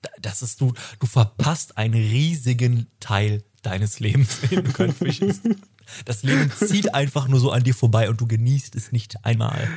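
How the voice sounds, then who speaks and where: A man's voice: mid-range voice, lively intonation, moderate pace, a little mellow, husky. A man in his twenties co-hosting a podcast, chatting casually, rambling and correcting himself, often breaking into laughter. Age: 20s. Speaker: podcast co-host. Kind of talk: casual chat.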